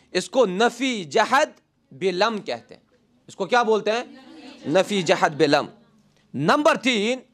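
High-voiced man teaching a grammar class. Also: a bit bright. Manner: asks the class questions and answers them himself; drills Arabic examples slowly, then translates them. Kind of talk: grammar lesson.

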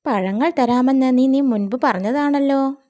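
A woman voicing a small hungry myna bird in a children's storybook tale, asking plaintively for her share of fruit. She speaks slowly and sounds mellow. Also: high-pitched, muffled recording, pitched above the performer's own voice. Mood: reproachful.

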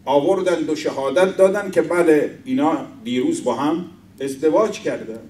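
Male preacher, high voice, storytelling sermon, roomy hall, distant mic. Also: mellow. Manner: storytelling, quoting figures with rising emphasis. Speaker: speaker at an Islamic center. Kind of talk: Persian religious sermon storytelling. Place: mosque hall. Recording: echoey hall, voice from far off.

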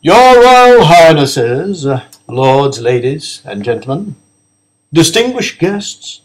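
A man's voice: fairly high pitch, sing-song, slow pace, heavily acted, rough recording. A man voicing a formal master of ceremonies announcing a guest speaker. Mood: ceremonious.

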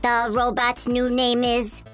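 A woman's voice: on the high side, monotone, slow pace, music in the background. A woman putting on a robot voice as a puppet co-host, speaking stiffly and repeating words as the voice stalls. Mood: robotic. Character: glitching talking robot, stiff and mechanical.

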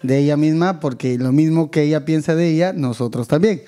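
A man's voice: a little high, a little fast, warm tone. A young man with a Peruvian accent, hosting a podcast with joking, profane banter and frequent laughter. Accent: Peruvian Spanish. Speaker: podcast host. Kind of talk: casual banter.

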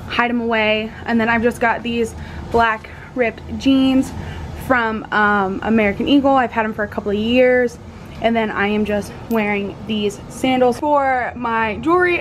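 In a small dorm room, a young sorority member vlogs with a handheld camera at arm's length, her voice a little high as she chats bubbily and fills her sentences with "like." Room noise is plainly audible on the camera's mic.

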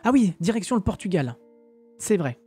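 Un streamer français sans accent qui commente un simulateur de vol en direct, lit le chat et plaisante, avec beaucoup d'hésitations. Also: male voice, sits high, sing-song, normal speed, darkish tone, breathy edge, faint music behind. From France. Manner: chatty, joking, many hesitations. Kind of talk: live-stream flight sim commentary, reading chat.

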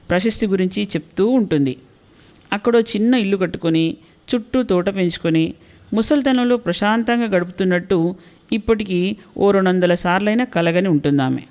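A woman's voice: medium pitch, a little mellow. A woman hosting her own channel, reading a short story aloud with wry commentary between the dialogue. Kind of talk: scripted story narration.

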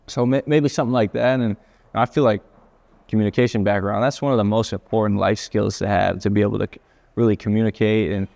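A man's voice: lowish voice, gravelly, darkish tone. A young man and college athlete being interviewed over dinner, easygoing, who often restarts and repeats words. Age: young adult. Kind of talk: casual interview chat. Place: indoors at a dinner table.

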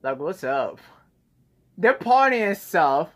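A young man with a slightly high, very animated voice talks slowly and casually, hosting a reaction video in an informal, exclamatory way. He's recorded on a phone in a small bedroom, and the home recording is noisy.

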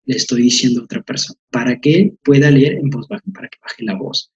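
A man's voice: mid-range voice, fairly quick, highs cut off. A man, teaching an online language lesson, explaining patiently with fillers and repeated terms.

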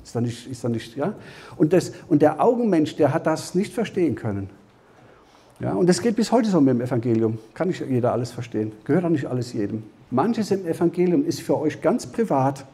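A man giving a Bible teaching as a sermon, talking conversationally to the congregation, often checking with a quick "ja?" and restarting his phrases. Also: a little high, dark tone. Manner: conversational preaching, frequent tag "ja?", restarts. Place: church hall.

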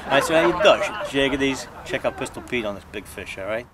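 A man's voice: medium pitch, expressive, brisk, over loud music. A middle-aged man hosting a fishing vlog, chatty and joking, often tagging his lines with "all right?". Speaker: fishing show host. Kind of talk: casual vlog narration. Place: outdoors on a boat at sea.

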